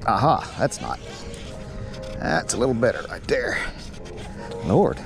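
Music plays in the background while a middle-aged fishing vlogger takes it slowly, chatting casually and folksily in a gravelly, mid-range voice. He fishes outdoors from a small boat on calm water, filmed by a body-worn action camera that picks up steady noise.

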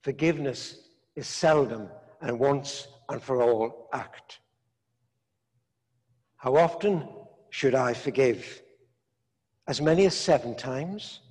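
An older man, a priest, preaching a sermon in slow, measured phrases with long pauses, recorded in a large stone church. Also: mid-range voice, darkish tone, husky. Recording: echoey church from a distance.

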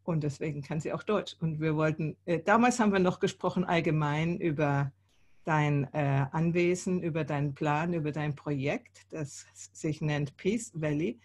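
Sixties woman, show host, relaxed conversational interviewer on a video call. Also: deep voice, moderate pace. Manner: conversational, thinking aloud with fillers. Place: indoor room.

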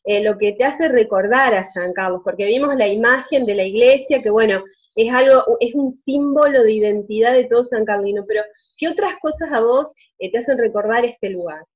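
A woman's voice: a little high, normal speed, muffled recording. A woman hosting an interview, asking long, winding questions and nodding along with short "ujú"s. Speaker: interviewer, host. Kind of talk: conversational interview.

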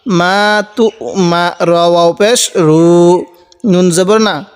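Teaching Quran reading, a man spells out each word letter by letter at a slow, deliberate pace, stretching the recited syllables. His voice is high, smooth and resonant, with a steady tone. A long reverb lingers after each phrase.

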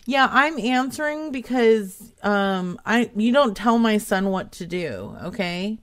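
A woman's voice: medium pitch, expressive, slow. A young woman hosting a live prank call show, talking casually and bluntly with giggles. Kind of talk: live-streamed prank calls.

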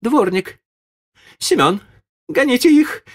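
A man's voice: very high voice, very animated, a little slow, gravelly, slightly rough, voice pushed up, exaggerated voice. A man voicing an imperious, hysterical rich lady in an audiobook, screeching orders. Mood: hysterical demanding. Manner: screeching, commanding.

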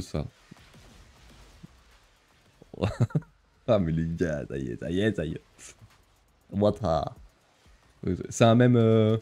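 A man's voice: low voice, mellow. A young man chatting casually on a live stream, reading the chat aloud, laughing often and using many fillers.

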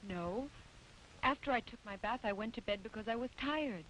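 A woman's voice: on the high side, normal speed, a little hiss or hum, lightly acted, low-quality recording. An actress playing a confused mother under a spell in a 1950s dubbed film. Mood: bewildered. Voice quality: soft, bewildered.

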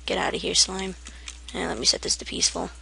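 A woman walks through a video game setup in a loose, half-asleep way. Her voice is bright with a gravelly edge, and she trips over words and laughs off her own mistakes. Keyboard typing sits behind her. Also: lowish voice, quick pace, slight background noise. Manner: sleepy, rambling, self-deprecating. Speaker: gaming tutorial maker. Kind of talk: casual game tutorial.

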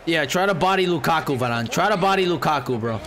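A young man doing casual live game commentary as a streamer, excitable and sweary, with brash frat-bro slang, close on a desk mic. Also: fairly high pitch, quick pace. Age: young adult. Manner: excitable, often shouting. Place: small bedroom streaming setup indoors. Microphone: close desk microphone. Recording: music behind the voice.

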